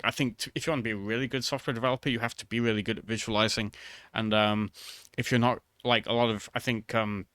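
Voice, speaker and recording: A man with a low, clear voice recorded very dry and close. He rambles casually to his viewers as a video creator, bright in tone but hesitant, halting and restarting his thoughts as he goes. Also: no room sound.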